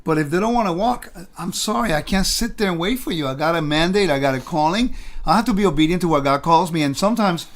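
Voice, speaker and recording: A man's voice: fairly high pitch, lively intonation, quick pace. A man from who grew up in California, talking conversationally as a pastor and host in an earnest, emphatic way. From born in Puerto Rico, grew up in California. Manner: earnest, emphatic, uses rhetorical questions. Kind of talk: conversational ministry talk.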